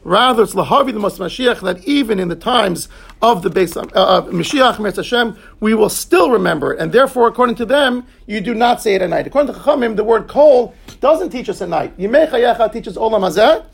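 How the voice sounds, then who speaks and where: A man leads a Talmud class, glossing each term in English and turning to his students between points. His voice sits high and has a gravelly, husky edge. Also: lively intonation. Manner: explains terms in English, quick asides to students. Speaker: rabbi teaching Talmud class.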